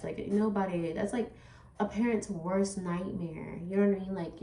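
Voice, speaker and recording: A woman's voice: fairly low pitch, warm tone. A woman talking casually to her viewers while doing her makeup, rambling with lots of "like" and "you know". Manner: addresses viewers directly as "you guys". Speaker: vlogger. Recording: echoey room, voice from off-mic.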